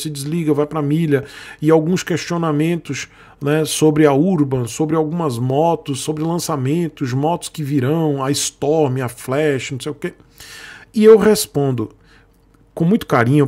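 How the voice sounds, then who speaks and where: Speaking Brazilian Portuguese in a fairly high, slightly mellow voice, a sponsored motorcycle creator chats with his audience at length, addressing them as "gente." His talk is casual and rambling, full of repetition and returns to earlier points.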